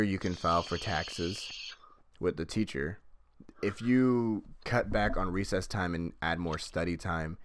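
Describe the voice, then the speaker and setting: A man chatting casually as a podcast host, with a rambling, swear-heavy way of talking. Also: low-pitched. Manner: profane, rambling. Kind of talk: casual chat.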